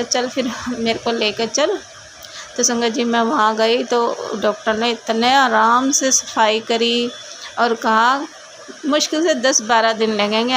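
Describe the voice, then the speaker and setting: A middle-aged woman speaks in a fairly high voice. She tells her devotional testimony earnestly and keeps circling back to heartfelt thanks. A faint ambient hum sits under the recording. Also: a bit bright, low-quality recording. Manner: earnest and grateful, repeats thanks to her guru often.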